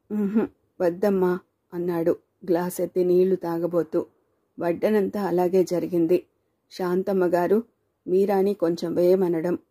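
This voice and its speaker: A woman's voice: on the low side, warm tone, breathy edge. A woman narrating a story aloud, reading the dialogue of its characters.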